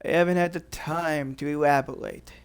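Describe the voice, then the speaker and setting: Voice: medium pitch, steady tone, smooth, natural voice. Someone doing a cocky heel wrestling boss. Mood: boastful. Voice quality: boastful, grandstanding, drawn-out dramatic pauses. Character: cocky male wrestling company owner. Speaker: wrestling roleplay promo performer. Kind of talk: in-character wrestling promo.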